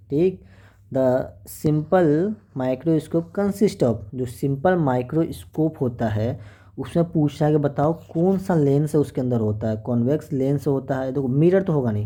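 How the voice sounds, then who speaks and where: A man's voice: medium pitch, mellow. A man teaching an exam-prep lesson, working through questions in a chatty, coaxing way and often checking with the class.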